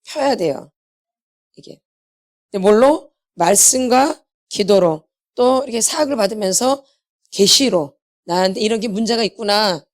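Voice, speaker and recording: Lively-voiced woman preaching a sermon. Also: medium pitch, a little slow. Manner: asks the congregation rhetorical questions and answers them; repeats key phrases for emphasis. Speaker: healing ministry lecturer.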